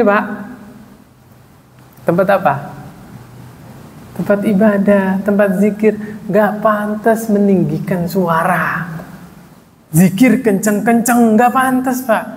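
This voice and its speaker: A man preaching at a mosque study circle, often asking his listeners questions and answering them himself, and reciting Arabic verses slowly. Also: high-pitched. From Indonesia. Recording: long echo in a large hall, faint ambient noise.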